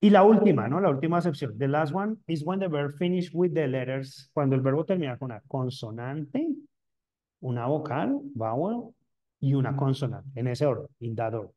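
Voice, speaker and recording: A man's voice: mid-range voice, lively intonation, moderate pace, warm tone. Man teaching English grammar in two languages. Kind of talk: bilingual grammar lesson.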